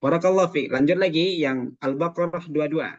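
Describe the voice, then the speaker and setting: A man teaching Quran recitation in an online class, patiently correcting students and modeling each sound slowly. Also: a little high, dry recording, highs cut off. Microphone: video call.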